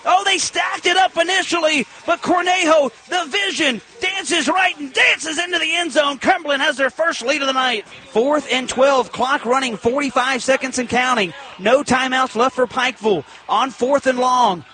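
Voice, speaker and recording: An American man with a very high voice calls football play-by-play on the radio at normal speed, barely pausing. His bright, forceful delivery comes in short, punchy phrases that build to big shouted calls.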